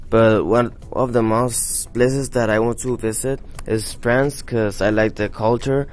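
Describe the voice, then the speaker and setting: A man from Mexico, giving an unhurried class presentation in simple phrasing. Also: mid-range voice, fairly even intonation. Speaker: English learner.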